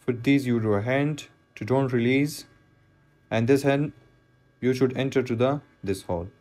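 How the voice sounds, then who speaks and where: Slow-talking man explaining knot tying. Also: mid-range voice, a little mellow. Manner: plain, repetitive step-by-step instructions with non-native phrasing. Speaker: fishing knot instructor. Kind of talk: hands-on tutorial voice-over.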